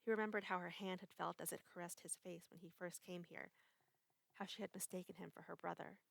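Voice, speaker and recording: A woman narrating a short story as a dramatic reading, measured and expressive. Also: lowish voice, gravelly, no room sound.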